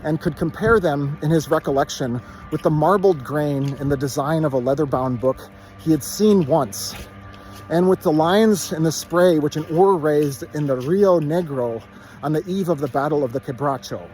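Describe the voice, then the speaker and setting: Man reciting by rote, higher-pitched voice. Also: a little mellow, faint music behind, rough recording. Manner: reciting by rote in short measured phrases. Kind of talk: literary recitation from memory.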